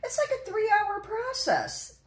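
A woman in her fifties, a long-distance hiker vlogging with her partner, telling stories in a lively, laughing way into a phone held at arm's length. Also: very high-pitched, unhurried, roomy sound, a little hiss or hum. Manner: animated storyteller, laughs often. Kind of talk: casual chat to camera. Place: hotel room, indoors.

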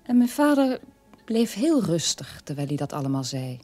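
The speaker is an actress in a radio-play monologue, voicing a sober middle-aged daughter of a war criminal as she tells her past in a measured way. Her voice is husky, lowish, and mellow, with big pitch swings, and the mood is sober and reflective. Faint music plays behind her.

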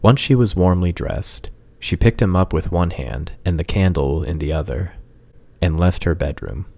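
A man reading a fantasy story aloud in scripted narration, slow and measured. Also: low voice, gravelly, a little mellow.

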